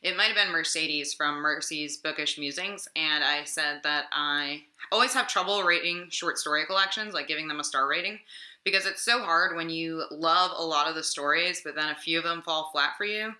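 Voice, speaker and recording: A young woman with a low, sharp voice talks at a moderate pace about the books she read this week. She sounds a little sick and rambles with many fillers, and her home room gives the recording an echo.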